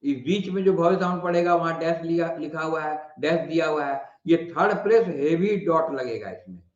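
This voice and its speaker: A man with a Bihari Hindi accent teaching a shorthand lesson, patiently repeating vowel sounds and explaining slowly. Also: fairly high pitch. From India. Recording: muffled, echoey room.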